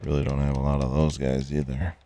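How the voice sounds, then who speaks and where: A man's voice: a bass voice, fairly quick, faint music behind. A middle-aged man who is losing his voice, casually talking through a football video game with many fillers. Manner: relaxed, rambling, with many fillers. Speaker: gaming channel host. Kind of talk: casual gameplay commentary.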